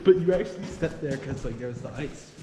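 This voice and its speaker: A man's voice: mid-range voice, a little fast. A man exploring a tunnel, chatting casually and teasing his friend between giggles, his voice echoing off the rock walls. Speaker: cave explorer. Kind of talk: casual chat while exploring. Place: inside a tunnel. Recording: echoey tunnel with chatter behind.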